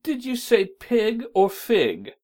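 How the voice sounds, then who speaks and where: A woman voicing a grinning, sly male cat in a storybook reading, speaking slowly and loudly with a drawn-out, teasing delivery. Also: on the high side, wildly swooping pitch, heavily acted. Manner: slow, drawn-out and loud.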